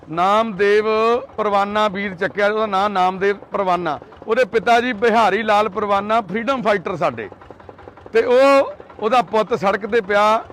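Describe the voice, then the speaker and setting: A man's voice: high voice, a bit bright, a little hiss or hum. A man reporting in the street, coaxing the people he talks to and then speaking earnestly to the camera. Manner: coaxing and pleading, then earnest social commentary. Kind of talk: street interview and commentary to camera.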